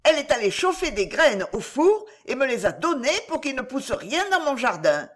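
A woman's voice: high-pitched, sing-song, moderate pace, pitched above the performer's own voice. A woman voicing a hot-tempered little boy who cries out indignantly in a storybook reading. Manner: shouting, indignant.

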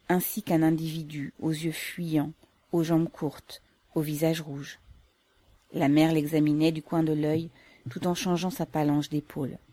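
A woman narrating a classic novel as an audiobook, measured and even. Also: low-pitched, no echo. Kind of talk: scripted narration.

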